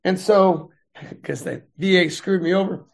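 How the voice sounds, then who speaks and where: Middle aged guy, high gravelly voice, chatty, acts out what people said. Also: a little slow. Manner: rambling, animated retelling with voiced quotes. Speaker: guest, veteran and math adjunct instructor. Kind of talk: casual storytelling interview.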